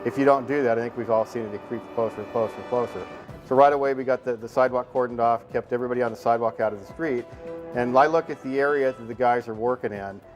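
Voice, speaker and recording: A man's voice: mid-range voice, steady tone, quick pace. A man, a firefighter sector officer, explaining things informally in an after-action debrief. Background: faint music.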